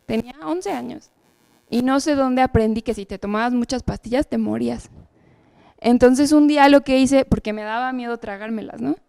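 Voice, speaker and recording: Woman with a gravelly, fairly high voice. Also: normal speed, mellow, dry recording. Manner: earnest storytelling with frequent tag questions. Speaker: church speaker giving testimony. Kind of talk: personal testimony.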